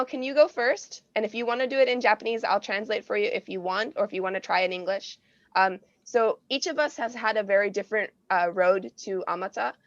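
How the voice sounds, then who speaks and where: A woman's voice: mid-range voice, no room sound, muffled recording. An American woman hosting an online panel, talking in a casual, chatty way with many fillers. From United States. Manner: friendly, chatty with frequent fillers. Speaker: panel host, technical animator.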